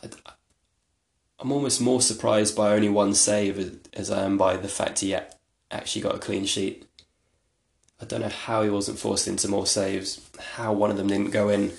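Male podcast host, low gravelly voice, flat delivery, rambling and self-deprecating, echoey room. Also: normal speed. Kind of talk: casual solo podcast talk.

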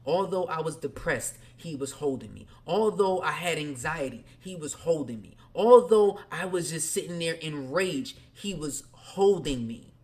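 A man's voice: fairly high pitch, animated, unhurried, hardly any pauses. A man hosting a podcast, telling a personal story candidly in casual slang and speaking straight to his listeners. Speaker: podcast host.

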